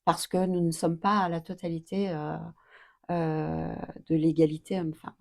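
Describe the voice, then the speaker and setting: A woman in her fifties from Iran, answering interview questions in a hesitant way, with frequent filler pauses. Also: low voice, flat delivery, vocal fry, darkish tone. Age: 50s. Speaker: guest, activist.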